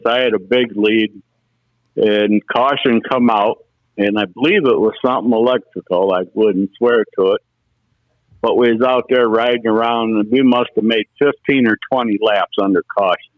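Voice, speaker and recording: A former race car driver, middle-aged, is the guest on a telephone interview, casually recalling old times through folksy stories. He speaks at medium pitch and a moderate pace. No room sound comes through, only the muffled quality of a narrow phone line.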